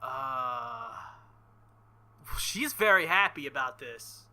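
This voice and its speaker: This let's play host has an animated mid-range voice that sounds pushed and bright. He reads a visual novel aloud with casual remarks, halting in embarrassment and frequently laughing nervously.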